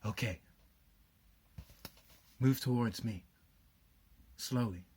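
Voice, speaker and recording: A man's voice: medium pitch, extremely slow, darkish tone, breathy edge, full character voice. A man voicing a sensible, protective young boy who gives urgent instructions in a children's story read aloud. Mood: tense, careful.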